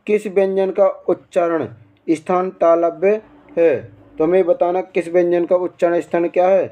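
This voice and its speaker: A man's voice: high voice, muffled recording. A man teaching an exam-prep grammar lesson, posing quiz questions, answering them himself and repeating the key answers. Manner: quizzing, repeats answers, asks and answers own questions.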